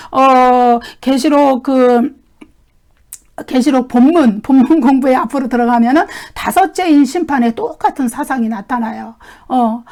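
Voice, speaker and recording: A woman delivers a Bible study lecture in a somewhat high voice. She explains point by point and often adds a questioning "eh?" to keep listeners with her. When she reads scripture, her delivery becomes more measured. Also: darkish tone. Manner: explanatory, with frequent questioning "eh?" tags and restarts.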